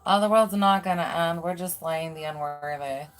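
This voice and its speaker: A woman's voice: lowish voice, moderate pace, soft background music. A woman doing a casual live tarot reading. She chats loosely and swears freely, with many "um"s and "like"s. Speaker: tarot reader.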